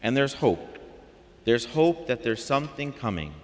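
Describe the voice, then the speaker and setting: A man preaching a calm, measured homily at a middle pitch. His voice carries a long reverb from the church around him. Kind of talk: sermon.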